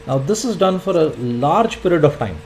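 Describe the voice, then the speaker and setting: A man's voice: on the high side, sing-song, normal speed, darkish tone, a little hiss or hum, low-quality recording. A man, teaching an e-learning lesson in an explanatory way, with frequent fillers and repeated points. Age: 20s. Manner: filler-heavy, repeats points, says "in fact" often. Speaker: instructor.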